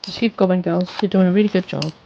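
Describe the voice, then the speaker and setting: A mother giving gentle, encouraging instructions to her children during a home craft session. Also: on the low side, fairly even intonation, fast, creaky, dull audio, background noise. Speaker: mother guiding her kids through a craft. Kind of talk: casual family chat while crafting. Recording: music playing underneath. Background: background music.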